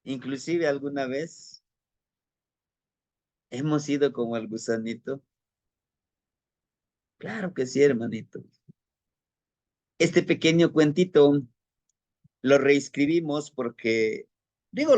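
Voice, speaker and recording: A man telling an oral fable with a moral, often adding tag questions and addressing listeners warmly. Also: mid-range voice, animated, slow, long pauses, dry recording. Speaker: storyteller.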